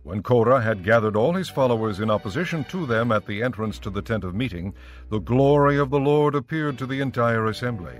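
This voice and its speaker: A man narrating scripture in an even, measured storytelling manner, with faint music behind. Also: medium pitch.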